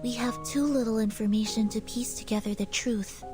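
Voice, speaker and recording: An actress voicing a calm, analytical young female companion in a game, speaking in a measured, logical way. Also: a little high, over music, close to an everyday voice. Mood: composed. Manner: measured, logical, matter-of-fact. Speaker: game character. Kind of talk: game voice acting.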